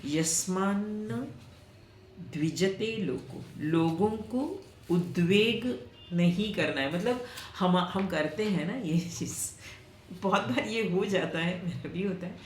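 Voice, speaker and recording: A woman giving a scripture lesson in an unhurried, measured voice that sits a little low. She draws out the verses as slow chants, then slips into plain conversational explanation. The room rings with echo, and a faint hum of ambient noise sits underneath. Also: expressive. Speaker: Gita teacher. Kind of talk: slow explanatory teaching talk.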